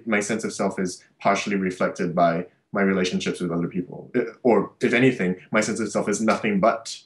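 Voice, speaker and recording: A young adult man from Malaysia and Singapore, an artist and social worker, gives a long reflective interview monologue into a desk webcam in a small, bright indoor room. He is thoughtful, often restarting sentences and using fillers. His voice is low and the recording rough.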